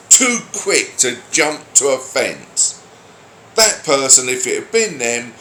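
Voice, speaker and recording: A man's voice: medium pitch, a bit bright. A grumpy man giving a blunt, sweary, exasperated opinion rant, speaking off the cuff. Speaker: online commentator giving opinions. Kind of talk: opinionated solo rant, unscripted. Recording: roomy echo, faint background noise.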